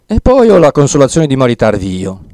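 A man's voice: medium pitch, brisk, dry recording, voice pushed up. A man voicing a timid, fussy old village priest who rambles and frets in an audiobook reading. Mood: placating. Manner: fretful, rambling, excitable.

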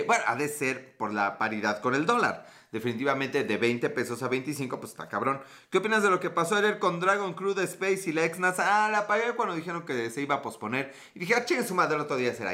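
A man's voice: medium pitch, pushed and bright. A man with a Mexican accent, chatting casually on a live stream, answering his viewers with crude jokes and frequent swearing. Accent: Mexican Spanish. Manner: joking and crude, swears freely.

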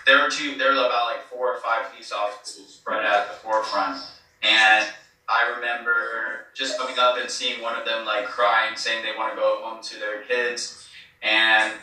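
A man giving a hesitant eyewitness account, full of fillers and restarts, heard through low-quality streamed clip audio. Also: level tone, moderate pace, sharp tone, heavy reverb, recorded from a distance. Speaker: eyewitness being interviewed. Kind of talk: casual spoken account.

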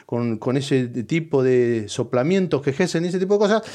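A middle-aged man with a Rioplatense accent delivering a rambling, crude comic monologue that drops to conspiratorial asides and flares into loud outbursts. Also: mid-range voice, expressive, normal speed. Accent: Rioplatense Spanish. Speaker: comedian.

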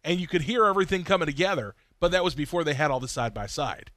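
A man co-hosting a casual racing podcast, an animated storyteller who acts out quotes. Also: a little high, fast, no room sound. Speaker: podcast co-host. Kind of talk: casual chat.

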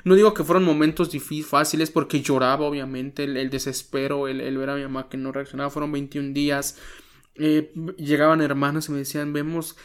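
A man, a pastor telling an emotional personal testimony in an interview, earnest and halting, often dropping to a hush. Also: a little high, flat delivery, smooth. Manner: earnest, halting, many restarts, drops to a soft voice when quoting prayers.

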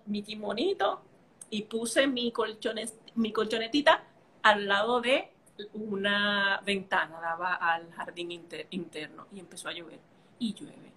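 Her voice is medium in pitch, bright and forceful, with a faint hiss or hum behind it. This Caribbean islander, a podcast conversation partner, shares a personal story in a casual chat, emotional and vivid, dropping playful noises into the gaps.

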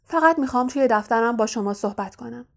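A strict schoolmistress, as a woman reads her speaks in a dry, clipped and businesslike tone in an audiobook. Her voice sits fairly high. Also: gravelly. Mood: stern. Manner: dry, brisk. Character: stern strict female school professor.

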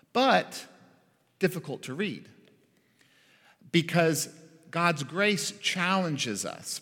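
A man preaching as pastor in a church sanctuary, reading scripture and telling stories with animated character voices. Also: on the high side. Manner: lively storytelling with character voices. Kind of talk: sermon. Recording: long church reverb.

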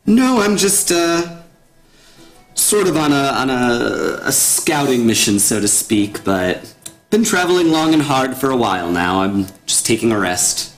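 A man playing a weary traveler who talks casually and haltingly. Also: mid-range voice, animated, soft background music, natural voice. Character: weary male traveler resting on the road.

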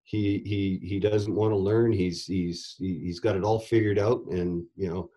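Telling stories in an informal interview, this middle-aged man, formerly a goalie coach, has a low, warm voice with a steady tone and an unhurried delivery. He rambles and repeats words each time he restarts a sentence.

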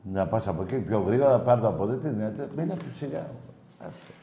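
A man hosting a call-in show, telling stories excitedly and teasing his callers. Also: lowish voice, creaky, roomy sound, a little hiss or hum. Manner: mocking, excitable storyteller who teases callers. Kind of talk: casual joking radio chat.

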